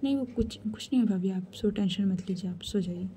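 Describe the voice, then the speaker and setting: Woman whispering as a frantic young friend, stammering, flustered, dark mellow tone, whispered role-play. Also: mid-range voice, brisk, a little hiss or hum, lightly acted. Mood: panicked.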